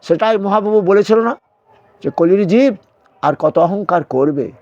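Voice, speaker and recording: A man's voice: sits high, lively intonation, unhurried, darkish tone, dry recording, muffled recording. A man giving a devotional sermon, admonishing his listeners with repeated rhetorical questions. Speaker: preacher.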